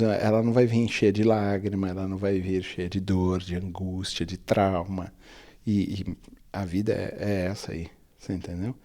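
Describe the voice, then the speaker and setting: Low mellow-voiced Brazilian pastor. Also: male voice. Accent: Brazilian Portuguese. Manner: reflective, builds points through long lists. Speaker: pastor and guest.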